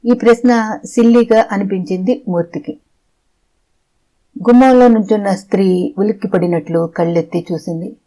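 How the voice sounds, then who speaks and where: A narrator reading a story aloud in a steady, measured way. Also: medium pitch, low-quality recording. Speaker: audiobook narrator. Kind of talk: scripted audiobook narration.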